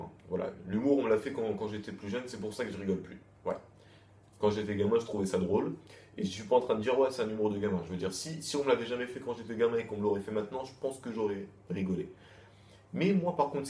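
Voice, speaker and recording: A man's voice: fairly low pitch, dark tone, echoey room. A young man giving a casual, candid manga review, often repeating words as he thinks.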